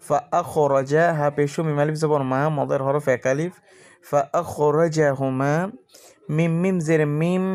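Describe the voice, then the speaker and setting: A man teaching Quran reading, spelling out letters and vowel marks in a steady chant, and reciting verses in a slow, drawn-out style. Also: fairly high pitch. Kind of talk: letter-by-letter tajweed lesson.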